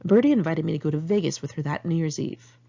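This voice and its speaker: A woman's voice: low voice, lively intonation, fast, creaky, dark tone, lo-fi sound. An American woman reading her own memoir aloud in a candid, conversational, sardonic way. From United States, Los Angeles area. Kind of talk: first-person memoir narration, read aloud in one take.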